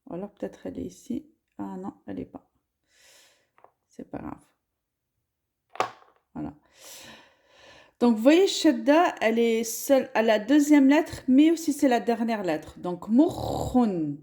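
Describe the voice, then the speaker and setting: Slow, mellow-voiced woman teaching. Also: fairly high pitch, expressive. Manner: slow, spells words out syllable by syllable. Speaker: Arabic teacher. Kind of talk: teaching lesson.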